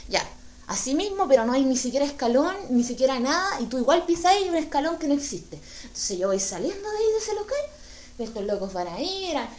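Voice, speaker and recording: A woman with a Chilean accent telling a comic story, slangy and animated, acting out the voices in her tale. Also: fairly high pitch, roomy sound, slight background noise. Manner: animated, slangy, acts out dialogue. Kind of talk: stand-up storytelling.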